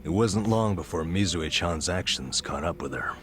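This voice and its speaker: The actor's voice sits low, a bit bright, with lively intonation and a moderate pace; a little hiss or hum is audible alongside background music. He plays a middle-aged, burned-out former nurse in a video game, telling his story in an American accent with wry, regretful, self-mocking weariness.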